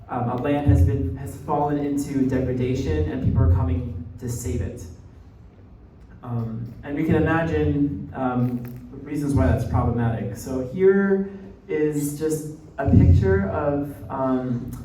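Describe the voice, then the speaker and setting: This young New Jersey native, a graduate student serving as guest lecturer, has a warm mid-range voice and talks informally about academic material. He's conversational, checking in often and closing points with "right?". Captured by a faraway mic in an echoey room, the audio is muffled with slight noise.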